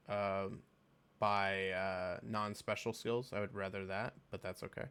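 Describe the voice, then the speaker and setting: A man giving casual reaction commentary on a game, reading skill text aloud and thinking out loud with fillers. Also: lowish voice. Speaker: game video creator.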